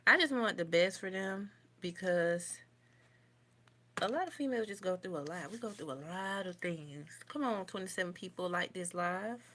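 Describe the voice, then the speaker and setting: A woman's voice: lowish voice, animated, moderate pace, a bit bright, a little hiss or hum. A young woman, chatting casually on a makeup livestream and answering viewer comments as she goes. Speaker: beauty vlogger doing a livestream. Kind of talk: casual livestream chat while doing makeup. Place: home, indoors.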